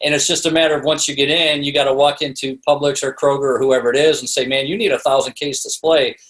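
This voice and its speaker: A middle-aged man, a sales expert and author, appears as a podcast guest and tells anecdotes in a casual, chatty, rambling way, dropping "you know" often. His mid-range voice is fairly bright, with fairly even intonation and a quick pace, though the recording quality is low.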